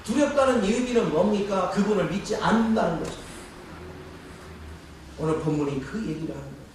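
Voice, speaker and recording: With lively intonation and a fairly quick pace, a pastor whose voice sits high preaches in the church sanctuary. He throws rhetorical questions at his congregation. The recording comes from a distant mic in an echoey hall, with a bit of background noise.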